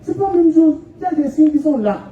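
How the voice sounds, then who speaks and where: A man's voice: very high voice, animated, quick pace. A man with a Beninese French accent preaching outdoors in a public square, asking the crowd question after question. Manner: call-and-response questioning. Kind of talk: open-air religious debate. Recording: lo-fi, echoey, from far off.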